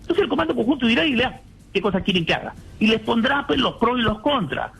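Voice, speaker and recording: A man's voice: very high voice, very animated, fast, vocal fry, fairly bright tone, husky, faint music behind, poor audio. An older man, a retired general, speaking indignantly as a radio guest and firing off rhetorical questions. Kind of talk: phone-in radio interview.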